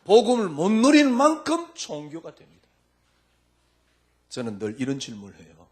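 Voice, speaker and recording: A male pastor preaching a sermon, firing rhetorical questions at his congregation in an informal, lively way. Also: sits high, moderate pace. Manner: speaks informally and lively in the pulpit.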